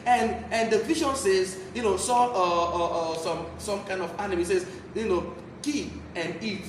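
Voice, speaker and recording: Man, Nigerian accent, very high voice, emphatic sermon delivery, repeated key phrases, noisy recording. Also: fairly even intonation, moderate pace. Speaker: preacher. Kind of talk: Bible teaching sermon. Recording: echoey room, clear background noise.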